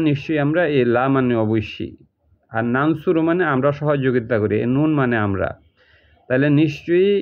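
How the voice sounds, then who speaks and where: Man, patient repetitive teacher, tinny lo-fi sound. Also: mid-range voice. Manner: repetitive, step-by-step explaining. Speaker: Quran translation teacher. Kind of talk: recorded lesson explaining Arabic word by word. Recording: tinny phone-like audio.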